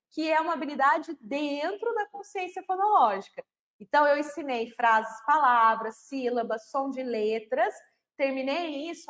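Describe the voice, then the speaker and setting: A woman's voice: sits high, fairly bright tone. A woman with a Brazilian Portuguese accent giving an online lesson to teachers, explaining step by step and answering her own questions. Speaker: literacy teacher trainer. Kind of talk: online lesson on phonological awareness.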